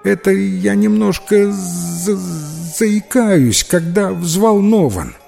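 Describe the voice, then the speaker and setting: A kind little ghost boy with a thin, high voice, stammering and shy, as a man puts him on. He speaks politely but gets upset easily, and his pitch swings in a lively way. Faint music plays under this storybook reading. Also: very slow, creaky, full character voice. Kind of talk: audiobook character voice.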